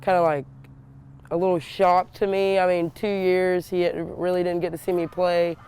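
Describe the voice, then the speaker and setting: A young woman softball player talking casually in an interview, with lots of "like" fillers. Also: lowish voice, little pitch movement, normal speed, clean tone.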